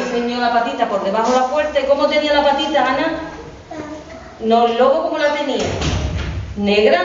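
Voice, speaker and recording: A woman reading a storybook aloud to young children in a classroom, animated and asking them questions. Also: a little high, noisy background. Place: school classroom. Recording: echoey, distant, dull room recording.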